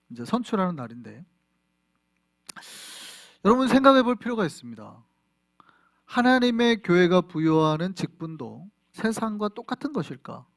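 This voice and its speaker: A man's voice: sits high, a bit bright, dry recording, studio quality. A middle-aged man, a pastor, preaching a sermon in a conversational way and often asking the congregation questions. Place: church in Flushing, New York.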